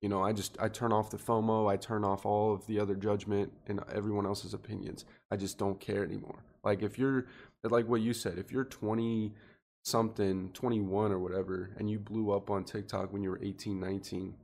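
Low, gravelly young man, reflective. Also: level tone, brisk, darkish tone. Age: 20s. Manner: earnest and reflective, thinking aloud. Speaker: podcast guest. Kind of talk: casual podcast chat.

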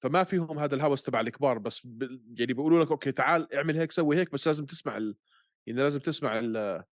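A man with a Levantine Arabic accent chatting casually as a podcast co-host, telling things in an animated way and dropping English words into his Arabic. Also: mid-range voice, rapid-fire, no echo, studio quality.

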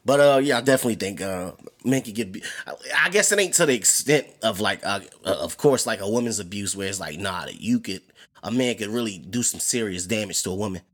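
A man's voice: fairly low pitch, animated, a little fast. A man hosting a casual chat show, talking in a laid-back, slangy way and laughing often. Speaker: podcast host.

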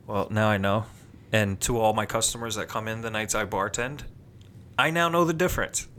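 Male co-host, relaxed and easygoing, low-leaning voice, faint hiss. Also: normal speed. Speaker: podcast co-host. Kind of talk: casual chat.

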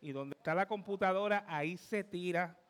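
Animated Puerto Rican preacher man, fifties. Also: high voice, normal speed. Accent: Puerto Rican Spanish. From Puerto Rico. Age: 50s. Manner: animated storytelling, swinging from loud to hushed. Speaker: pastor. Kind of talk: sermon testimony.

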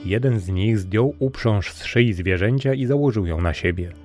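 A man tells an old fairy tale for his podcast in a calm, measured way. His voice sits low and warm. Soft music plays quietly behind him. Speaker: podcast storyteller. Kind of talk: scripted fairy-tale narration.

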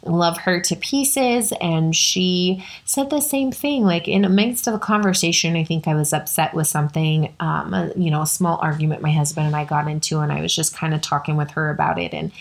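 A woman talks through a personal story for her podcast, circling back on words and leaning on casual fillers. Her voice sits a little low and carries a gravelly, fry-edged texture. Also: normal speed, hardly any pauses. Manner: earnest, repetitive, conversational with many fillers. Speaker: podcast host.

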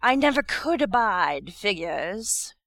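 Sharp, bad-tempered, domineering Duchess. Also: female voice, mid-range voice, big pitch swings, slow, dry recording, exaggerated voice. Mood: irritated. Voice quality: hoarse growl. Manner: blunt, scolding, emphatic. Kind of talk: full-cast audiobook character acting.

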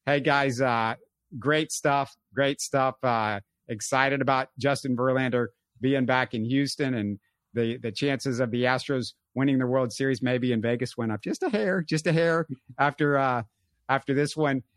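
A man hosting a casual sports talk show, animated and full of fillers. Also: mid-range voice, moderate pace, no room sound. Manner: animated, talks in bursts with fillers. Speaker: podcast host.

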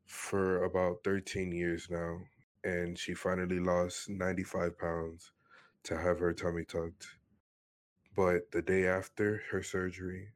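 A man in his twenties from Miami tells his personal story in an earnest, matter-of-fact way during a casual interview. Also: deep voice. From Miami, Florida, USA. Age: 20s.

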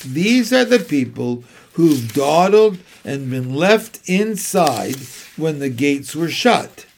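A man's voice: on the high side, very animated, takes it slowly, vocal fry, a little mellow, full character voice. A man voicing a knowing male lion in a storybook, confiding and warning. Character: knowing male zoo lion, gruff and matter-of-fact.

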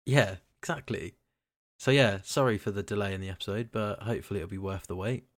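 A man's voice: fairly low pitch, brisk, slight background noise. A man hosting a casual gaming podcast, chatting and laughing easily with his co-host. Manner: laughs often, relaxed banter. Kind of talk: casual chat.

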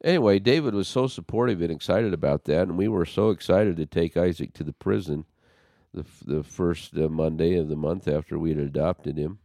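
A man's voice: sits low, a little fast, no echo, studio quality. A man hosting a conversation, telling a personal story with animation and acting out what people said. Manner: animated storyteller, acts out quotes.

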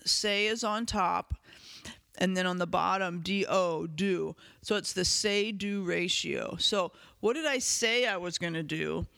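A man's voice: high voice, vocal fry, sharp tone, no room sound. A man hosting a podcast, talking candidly through a reflective self-help monologue, casual and conversational with fillers and the odd swear word. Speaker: podcast host.

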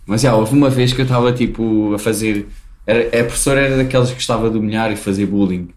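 A man's voice: lowish voice, quick pace, a little mellow. A man with a Lisbon Portuguese accent telling anecdotes in casual, slangy, sweary chat. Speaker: podcast guest or co-host. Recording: echoey room.

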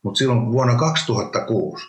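A man's voice: medium pitch, animated. A man, a former hockey player, talking casually in an interview with many restarts. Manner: rambling, halting, with many restarts. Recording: roomy echo.

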